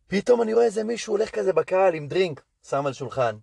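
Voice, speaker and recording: A man's voice: high-pitched, vocal fry, no room sound. A man talking casually as a comedian and host, telling stories about his gigs and acting out the people in them. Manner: animated, chatty, acts out dialogue in quoted voices. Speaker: stand-up comedian and podcast host. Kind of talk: casual storytelling monologue.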